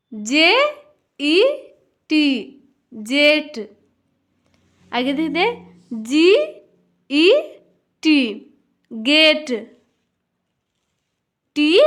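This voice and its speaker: A high-voiced woman teaches English reading at an unhurried pace. She spells each word letter by letter and then reads it whole, with patient repetition. Her delivery is slow and steady, like a beginner's lesson.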